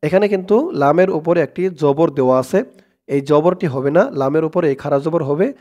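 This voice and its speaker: A man teaching Quran recitation, spelling out each word and chanting the verses in long drawn-out tones. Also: fairly high pitch, dark tone. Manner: slow drawn-out chanting of verses between plain explanations.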